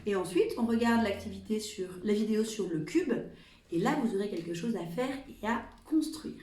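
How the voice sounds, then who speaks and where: A woman working as a preschool teacher, giving gentle, clear instructions to small children in a remote lesson. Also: medium pitch, moderate pace, echoey room, far from the mic.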